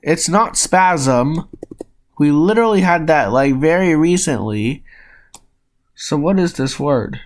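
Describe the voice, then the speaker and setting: A young man from the United States hosting his gaming channel, giving chatty, unhurried commentary as he plays a word game and gets easily rattled. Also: a little high, animated. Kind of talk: casual commentary while playing a word game.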